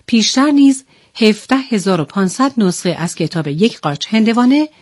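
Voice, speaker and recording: A woman announcing a program segment in a formal, measured scripted read. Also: mid-range voice, animated, darkish tone, no echo, studio quality. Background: music.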